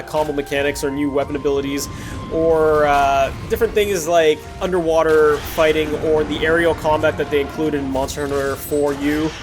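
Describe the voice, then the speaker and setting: A higher-pitched man, host of a gameplay series, narrates gameplay with music playing under his voice. It's casual game commentary recorded after the fact.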